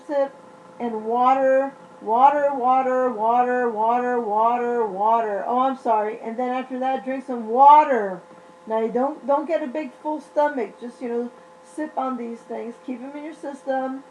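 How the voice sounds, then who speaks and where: A woman's voice: fairly high pitch, warm tone, slight background noise, rough recording. A woman vlogging casually while in pain and on medication, blunt and profane, rambling and restarting often. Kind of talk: casual vlog monologue.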